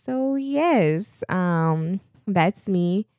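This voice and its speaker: A woman's voice: fairly low pitch, animated, very slow, darkish tone, no room sound, studio quality. A woman with a Jamaican accent chatting casually as a podcast co-host. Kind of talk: casual chat, self-introduction.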